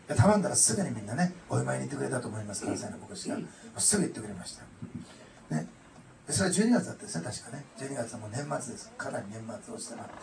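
A man's voice: mid-range voice, vocal fry. A male pastor giving an earnest, emotional testimony sermon, often adding "ne" to his sentences. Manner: earnest, emotional storytelling with frequent "ne". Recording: echoey room, distant mic, noisy.

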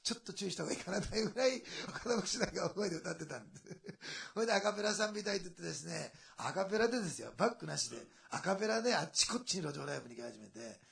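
A man preaching a sermon in a lively, conversational way, with asides and a lilt. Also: sits high, very fast, vocal fry. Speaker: pastor.

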